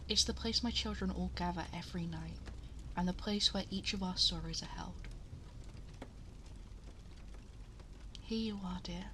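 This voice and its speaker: A woman playing a gentle, motherly, ageless cosmic princess in an ASMR bedtime roleplay, speaking tenderly and reassuringly, often in a breathy half-whisper, close to the microphone. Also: mid-range voice, a little hiss or hum, natural voice. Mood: tender, storytelling. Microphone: close binaural 3Dio microphone.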